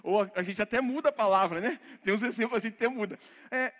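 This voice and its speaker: A man's voice: high voice, fast, fairly bright tone. A man from Brazil with a Brazilian Portuguese accent, preaching a conversational sermon and often checking in with his congregation. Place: church hall. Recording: long church-hall reverb.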